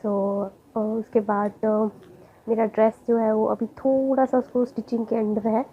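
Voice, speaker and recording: A hoarse young woman with a sore throat, chatting casually in a home vlog and often clearing her throat. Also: a little high, flat delivery, measured pace. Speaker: beauty vlogger. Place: drawing room at her mother's home. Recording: tinny phone-like sound, faint noise.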